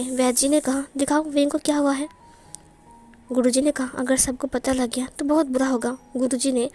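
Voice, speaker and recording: High, flat-voiced woman narrating a story. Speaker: fanfiction narrator. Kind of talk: storytelling narration, reading all parts. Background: soft background music.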